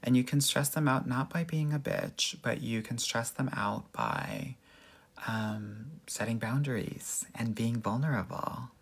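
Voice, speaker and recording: A man with a Southern Californian Valley accent hosts a casual live question-and-answer chat, giving dating advice in a sassy, slangy way with a husky, gravelly voice. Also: medium pitch, a little slow. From Southern California, United States. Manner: sassy, slangy, addresses viewers as girl.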